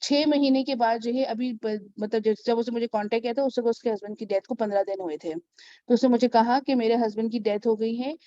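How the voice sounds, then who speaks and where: Chatty woman with a mellow, higher voice. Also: fairly even intonation, brisk, dry recording. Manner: chatty, keeps checking in with the listener; re-enacts the people in her stories. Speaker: network marketing mentor. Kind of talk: casual advice vlog with storytelling. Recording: dull, lo-fi sound.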